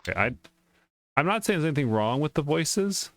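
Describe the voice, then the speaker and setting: A man reads a game's text aloud while playing, breaking off for informal asides in let's-play commentary, with music behind him. His voice is fairly high and sing-song, his pace brisk, with a slight hiss or hum.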